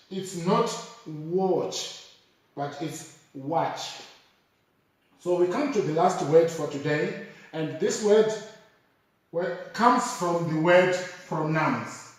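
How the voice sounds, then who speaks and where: A man teaching pronunciation, slowly and deliberately repeating each word as an example. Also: a little high. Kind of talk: explanatory lesson. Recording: very echoey room, mic far off.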